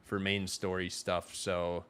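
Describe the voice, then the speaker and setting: Frank streamer man, bright forceful voice. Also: sits low, level tone, takes it slowly, clean tone. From Wisconsin. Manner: rambling, frank, talks to chat. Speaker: livestreamer. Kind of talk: casual gaming livestream chat.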